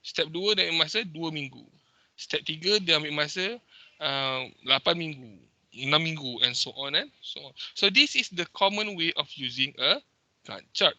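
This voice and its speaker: A man's voice: fairly high pitch, lively intonation, moderate pace, sharp tone, dry recording. Malaysian man teaching over a video call. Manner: explains step by step, repeats points, many "okey"s. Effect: heard over a video call meeting recording. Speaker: instructor. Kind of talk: teaching over a shared screen, mixing English and Malay. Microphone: computer mic on a video call.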